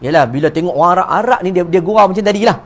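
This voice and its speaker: A Malaysian man with a Malay accent giving an evening talk in a neighbourhood prayer hall, lively and joking, acting out little dialogues. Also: high voice, very fast. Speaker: religious teacher.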